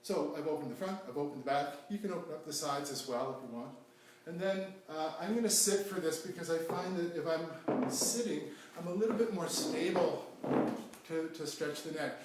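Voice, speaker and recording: Halting man demonstrating stretches in an echoey room. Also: a little high. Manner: explanatory, halting with frequent restarts and fillers. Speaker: stretching instructor. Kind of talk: home workout demonstration. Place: home room during self-isolation. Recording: echoey room, mic at a distance, faint hum.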